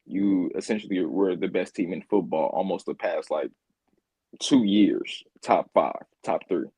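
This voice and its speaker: Male podcast co-host, mellow husky low voice, rambling casual sports talk. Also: unhurried, dry recording, poor audio. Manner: rambling, repeats words, laughs easily.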